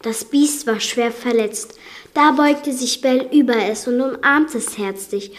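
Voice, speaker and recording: Woman narrator, slow, unhurried, calm fairy-tale podcast host. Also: high voice. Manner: calm, measured reading.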